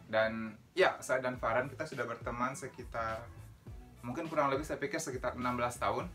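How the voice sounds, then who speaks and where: A man's voice: mid-range voice, steady tone, brisk, sharp tone, soft background music. A man around thirty from Indonesia, hosting his casual vlog and reminiscing with an old school friend in an upbeat way. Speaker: vlog host. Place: indoors, on the road.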